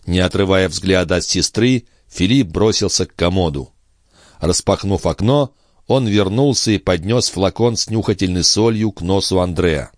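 A man reading a novel aloud as an audiobook narrator, with measured, expressive storytelling. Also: sits low, dry recording, studio quality.

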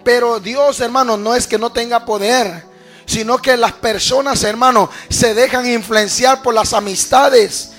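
Man preaching, pretty high voice, goes from quiet to yelling, keeps saying brother. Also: steady tone, unhurried, faint music behind. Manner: swings from hushed murmurs to fervent shouting; calls listeners "hermano" often. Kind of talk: sermon with personal testimony.

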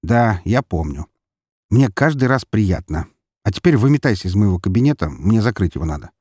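Gruff, sarcastic veteran cop, read by a man, low husky grumble. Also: expressive, moderate pace, a little mellow, no room sound, clean studio sound. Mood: irritable. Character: weary cynical male senior investigator, irritable and gruff.

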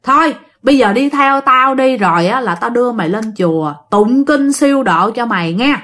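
A woman voicing a stern male exorcist around seventy, with a Southern Vietnamese accent, who scolds in a forceful, barking way. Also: very high voice, expressive, moderate pace, full character voice. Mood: stern scolding.

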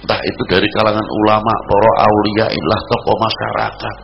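A man with a Javanese accent preaching a sermon, swinging between loud exhortation and low murmurs. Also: level tone, a little fast, creaky. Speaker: Islamic preacher. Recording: dull lo-fi recording with noise.

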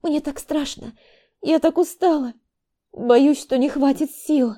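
A woman's voice: sits high, animated, drawn-out words, warm tone, voice pushed up, heavily acted. A woman voicing a young woman in labor, frightened and demanding, her talk strained and tearful.

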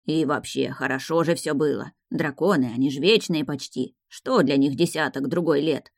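A woman's voice: sits low, vocal fry, dry recording, studio quality. Woman doing a bleating old mage. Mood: sheepish. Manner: slow, plaintive, bleating. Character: timid, whining old male mage teacher. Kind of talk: audiobook character reading.

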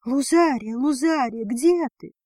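A woman reading a storybook, voicing a lively young woman who calls out loud and joyful. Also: on the high side, takes it slowly, husky, no room sound, studio quality. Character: lively young woman, the heroine's best friend.

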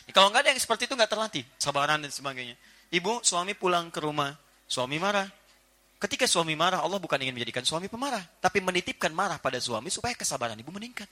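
A man giving a lively sermon as a preacher, joking and acting out small household scenes. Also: high-pitched. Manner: animated, jokey, acts out little household scenes. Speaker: Islamic preacher. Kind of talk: lively sermon to a live audience.

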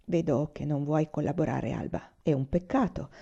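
Cold, slow interrogator colonel, read by a woman, dark mellow tone, dull lo-fi sound. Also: lowish voice. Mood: coldly menacing. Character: menacing male army colonel interrogator. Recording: dull lo-fi recording.

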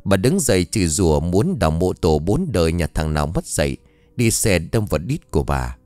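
A man narrates an audio story in a low voice full of lively pitch movement. The sound is dry and close, with faint music behind him. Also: brisk, no echo.

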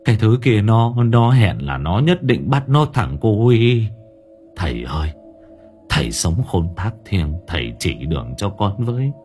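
A man voicing a frightened old village patriarch who pleads in a low, shaky voice. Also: sing-song, measured pace, a little mellow. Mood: pleading. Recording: faint background music.

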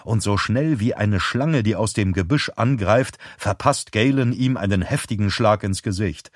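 A man reading a thriller audiobook as narrator, in a steady, measured way. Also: on the low side, no echo, clean studio sound. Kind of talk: scripted narration.

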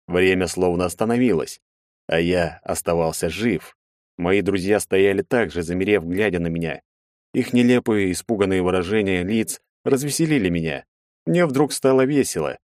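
Low-voiced male audiobook narrator. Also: no room sound, studio quality. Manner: measured, expressive reading. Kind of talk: first-person audiobook narration.

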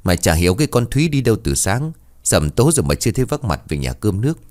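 A man voicing a stingy, scolding middle-aged village mother who nags in a fast, sharp way. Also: very animated. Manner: nagging, shrill scolding.

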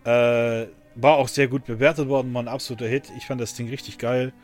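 A man's voice: mid-range voice, fairly even intonation, fairly quick, soft background music. A man hosting a casual podcast, talking loosely with many fillers and restarts and laughing often. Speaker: podcast host.

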